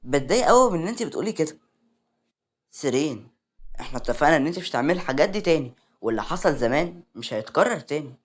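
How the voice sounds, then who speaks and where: A woman's voice: deep voice, expressive, rapid-fire, breathy edge. A woman voicing a young female best friend who scolds in exasperation, with an Egyptian Arabic accent. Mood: exasperated.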